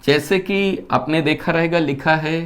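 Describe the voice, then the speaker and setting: A male Hindi teacher giving a classroom-style lesson. He asks the class questions, answers them himself in a lower voice, and keeps checking that they understand. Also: unhurried, a bit bright. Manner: keeps checking whether students have understood.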